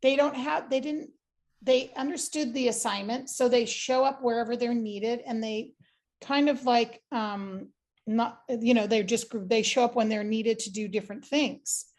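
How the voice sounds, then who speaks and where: A woman's voice: fairly high pitch, steady tone, normal speed, a little mellow. Rambling woman psychic giving a reading. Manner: rambling, full of "like" and restarts. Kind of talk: casual chat.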